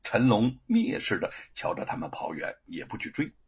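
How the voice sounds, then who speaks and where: A man narrating a story with a dramatic, animated delivery, in a dull lo-fi recording. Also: on the low side, moderate pace, breathy edge.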